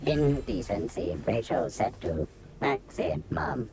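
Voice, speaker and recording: A woman voicing a deadpan female bartending robot in a video game, her voice run through a robotic filter and delivered in flat, mechanical announcements like a machine booting up. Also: rumbling low, slow, vocal fry, background noise, exaggerated voice. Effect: robotic synthesized voice filter. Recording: game audio with crowd chatter behind.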